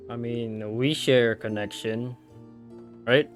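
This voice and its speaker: A woman streamer gives casual commentary over a game, reacting with slangy jokes. Her voice is extremely deep for a woman, and game music plays softly behind her. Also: steady tone, slow. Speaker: gameplay streamer.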